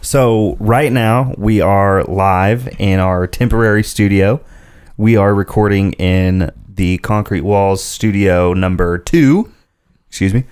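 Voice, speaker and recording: A man's voice: fairly low pitch, takes it slowly, a little mellow, clear, resonant tone, no room sound, studio quality. A young man co-hosting a casual podcast from a home office, rambling and laughing often. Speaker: podcast co-host. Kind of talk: casual banter. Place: spare-room home office studio.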